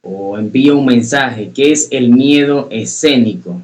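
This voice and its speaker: A man's voice: medium pitch, a little slow, a little mellow, poor audio. A man teaching a public speaking class, earnest, repeating key phrases for emphasis and asking students questions directly. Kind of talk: online class lecture.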